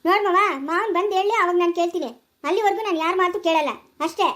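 A domineering old village matriarch, played by a woman, scolds her family in a high, rapid voice. She speaks with a rural Chikkaballapura Kannada accent, bossy and shrill. It is an amateur family skit. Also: lightly acted. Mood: indignant. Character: furious older village mother-in-law, domineering.

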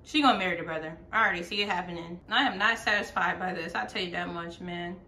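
Bright, chatty woman reacting to a show. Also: on the low side. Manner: chatty, exclaiming, quick to laugh. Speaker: video host reacting to a series. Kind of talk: casual reaction commentary.

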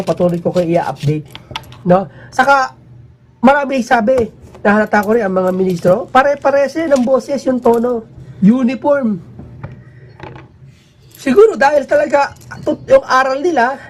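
A man talking casually to his viewers in a rambling, emphatic way, his pitch swinging up and down. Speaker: vlogger.

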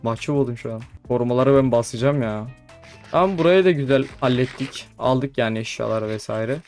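Young male gaming YouTuber, casual chatty play-by-play, excitable, mid pitch, faint background music. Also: brisk. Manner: chatty, talks to mobs, frequent excited exclamations. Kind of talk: casual gameplay commentary.

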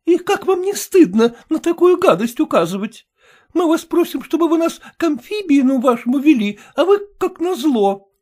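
Man doing a shrill squeamish wife, high and piercing, bossy, quarrelsome, swooping pitch, storybook reading. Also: expressive, normal speed, a little mellow. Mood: indignant. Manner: indignant, quarrelsome.

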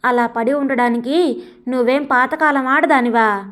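A woman voicing an outspoken friend who scolds with rapid questions. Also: high-pitched, fairly bright tone. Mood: indignant.

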